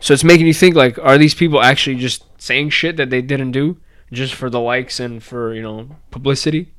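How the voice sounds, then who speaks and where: Smooth-voiced man telling a story. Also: medium pitch, fairly quick, no echo. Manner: animated storyteller, swears casually, many fillers. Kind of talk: casual chat.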